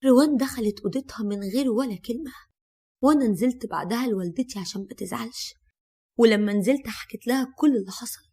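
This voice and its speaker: Brisk Egyptian woman narrator. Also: on the high side, a little mellow, breathy edge. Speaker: storyteller. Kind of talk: scripted first-person narration.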